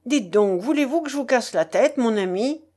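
A woman reading the part of a hot-tempered young man who greets an old friend with gushing warmth. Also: on the high side, lively intonation. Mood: effusive urgent. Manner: quick-tempered, then warmly effusive.

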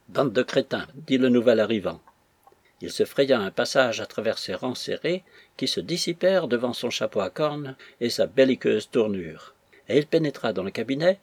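A man narrating a classic novel as an audiobook, measured and lightly ironic in his storytelling. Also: medium pitch, darkish tone, husky, no echo.

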